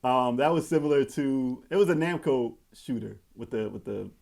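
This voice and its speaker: A man's voice: mid-range voice, lively intonation, moderate pace, gravelly, darkish tone. A man hosting a podcast in casual, comic commentary. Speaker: podcast host.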